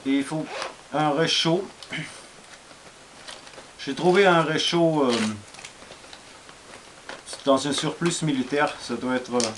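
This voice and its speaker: A man's voice: on the high side, slow pace, pauses often, background noise. A man from Austria with an Austrian German accent, speaking French casually and hesitantly in a survival gear vlog, with many fillers and restarts. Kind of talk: casual show-and-tell vlog.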